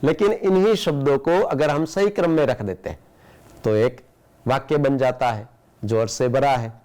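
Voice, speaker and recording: A man with an Indian accent teaching a school language lesson, explaining patiently and reading example sentences slowly and deliberately. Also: medium pitch, darkish tone. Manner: explains patiently, with rhetorical questions. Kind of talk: classroom lesson for students.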